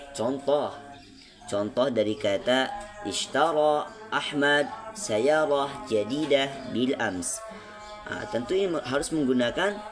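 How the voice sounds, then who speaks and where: Slow, deliberate young man teaching. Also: mid-range voice. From Indonesia. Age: young adult. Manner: deliberate, repeats example phrases slowly. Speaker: student presenting coursework. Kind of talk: slow explanatory lesson. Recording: music playing clearly behind.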